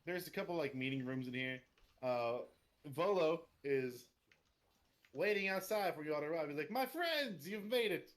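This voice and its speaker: A man's voice: fairly high pitch, normal speed. A man narrating as game master of a tabletop game, loose and chatty, swearing casually.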